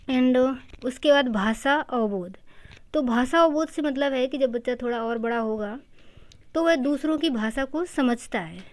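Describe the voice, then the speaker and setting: A woman's voice: on the high side, darkish tone. A woman teacher giving an exam-prep lecture, explaining step by step, repeating key terms and mixing in English words.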